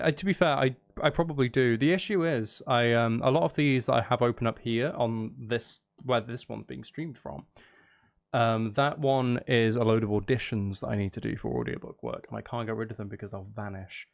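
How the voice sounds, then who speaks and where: Composing music live, this streamer and voice performer chats casually in an apologetic way, cutting himself off as he thinks aloud. His voice sits at medium pitch with vocal fry and moves a little fast.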